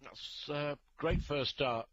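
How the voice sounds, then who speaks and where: A man's voice: on the high side, slow pace, fairly bright tone, breathy edge, no room sound, lo-fi sound. A man giving live darts commentary, offering opinionated analysis between throws.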